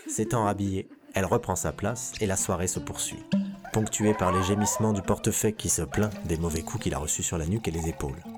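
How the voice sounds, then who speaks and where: Deep-voiced man reading a tale. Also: over music. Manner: measured, expressive reading. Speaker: narrator. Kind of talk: storybook reading.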